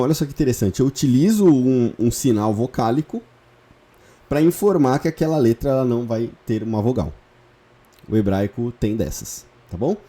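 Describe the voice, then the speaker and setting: A man teaches a lesson one small step at a time, repeating each point and checking that the listener follows. His voice is very dark and mellow, sitting at a middle pitch. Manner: patient, repeats key points with frequent check-ins. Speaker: Hebrew teacher. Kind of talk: online lesson, explaining step by step.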